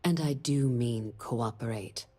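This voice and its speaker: Game role: crisp deputy diplomat, woman, low mellow husky voice. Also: unhurried. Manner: formal, briefing tone. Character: brisk female deputy diplomat, middle-aged, composed. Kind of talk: video game dialogue.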